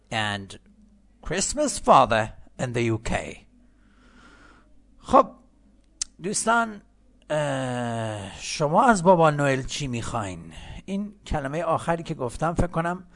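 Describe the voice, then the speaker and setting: A gravelly man teaching an English lesson, his pitch swinging widely as he jokes with his learners. He stretches out his English words slowly, then rattles along quickly when he explains in his own language. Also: fairly bright tone. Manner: jokey and chatty with learners.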